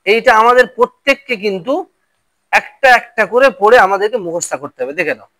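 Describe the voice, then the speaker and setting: A man's voice: sits high, lively intonation, fairly quick, fairly bright tone, no room sound. A male Quran reading teacher drilling Arabic letter sounds and quizzing pupils in a classroom lesson.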